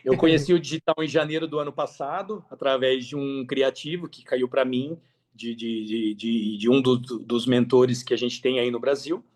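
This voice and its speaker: His voice is medium-pitched, steady and darkish, at a normal speed. Appearing as a podcast guest, the Brazilian man recounts his story openly and chattily, full of slang and tag questions.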